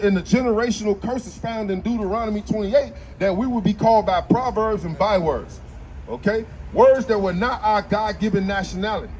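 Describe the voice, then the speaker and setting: High-voiced man preaching forcefully. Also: slight background noise. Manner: forceful, argumentative, quotes scripture. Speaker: street preacher. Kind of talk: street preaching and Bible teaching. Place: outdoors on a city street.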